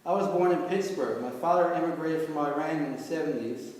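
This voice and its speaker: Man doing courteous young dad, plain-spoken and even, distant mic in a big echoey room. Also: on the high side, brisk, lightly acted. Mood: calm. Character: polite young family man on vacation. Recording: echoey hall, far from mic.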